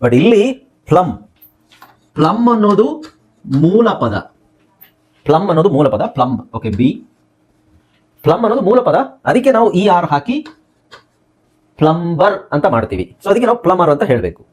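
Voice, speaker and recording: A man's voice: fairly high pitch, sing-song, normal speed, long pauses, darkish tone, husky. A man teaching a spoken English lesson, spelling words letter by letter, repeating them and asking his class questions that he then answers.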